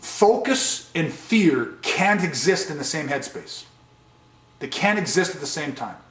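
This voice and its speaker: A man's voice: fairly high pitch, animated, unhurried, fairly bright tone, reverberant. A man teaching a de-escalation training session, speaking earnestly and stressing key points. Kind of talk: training lecture.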